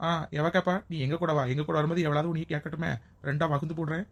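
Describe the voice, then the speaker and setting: A bold, outspoken village woman, sharp-tongued and joking, played by a woman. Her voice sits somewhat low and she speaks very fast. It is a village comedy skit. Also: steady tone, highs cut off.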